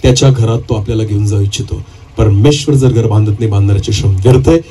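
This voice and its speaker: A man's voice: lowish voice, steady tone, fast, dark tone, a little hiss or hum, low-quality recording. A man preaching a sermon as pastor, his voice climbing in urgent bursts and punctuated by calls of hallelujah.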